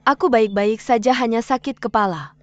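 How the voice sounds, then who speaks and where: A woman's voice: a little high, normal speed, dry recording, natural voice. A woman dubbing a shaken young woman who gives short, broken replies and hides what happened to her. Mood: evasive. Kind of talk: drama dub. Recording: dull dry studio dub, faint music.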